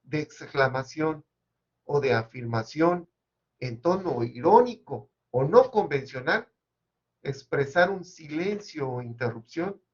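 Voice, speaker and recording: Man giving a measured seminar talk. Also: on the high side, expressive, husky, highs cut off. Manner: measured and explanatory, with occasional hesitations. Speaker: seminar presenter. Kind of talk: academic presentation.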